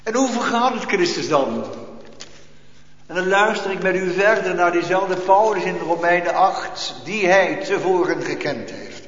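A man preaches in a church, slow and weighty, with swelling, rising calls. His voice sits high. The sound is dull and rings through a long hall. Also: fairly bright tone, slight background noise. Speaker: pastor. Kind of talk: sermon.

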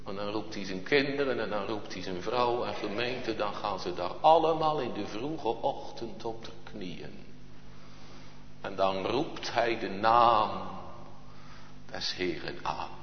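Slow, solemn male preacher in echoing church. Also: lowish voice, a little hiss or hum. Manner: solemn, slow, archaic churchly phrasing, swelling to impassioned cries. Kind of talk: sermon. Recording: lo-fi, echoey church hall recording.

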